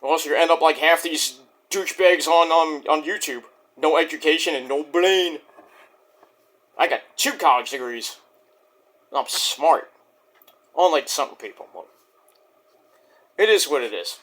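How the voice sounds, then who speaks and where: A man's voice: a little high, measured pace, pauses often, fairly bright tone. A middle-aged man with a Brooklyn New York accent, rambling boastfully through a casual wrestling review monologue. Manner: boastful, rambling, restarts and fillers.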